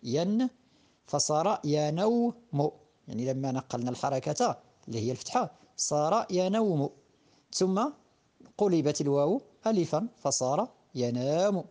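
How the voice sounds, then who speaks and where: A man with a Moroccan accent teaching a grammar lesson, patiently repeating word forms and pausing on drawn-out fillers. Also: on the high side, sing-song, warm tone. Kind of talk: classroom-style lesson.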